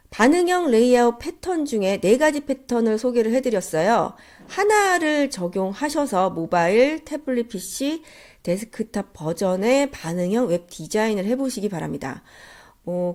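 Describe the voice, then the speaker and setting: A woman lecturer with a slightly high, somewhat dark voice delivers an instructional slide lecture. She is congested with a cold, so she sounds nasal and stuffed-up, but her lesson stays polite and explanatory.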